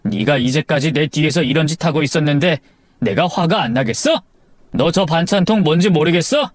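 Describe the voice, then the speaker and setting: Casting: man playing angry husband, accusing, voice climbing high in anger, dry recording. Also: expressive, normal speed, no room sound. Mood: furious. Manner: shouting, accusing, rising anger. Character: angry husband confronting his wife, furious, accusing.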